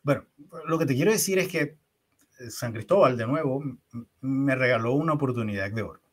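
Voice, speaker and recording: A Venezuelan man, the interview guest, answering in a measured, reflective way with pauses and fillers. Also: mid-range voice.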